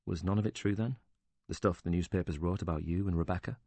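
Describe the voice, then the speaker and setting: A man reading as a calm, probing interviewer. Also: low-pitched, no echo. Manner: measured, questioning.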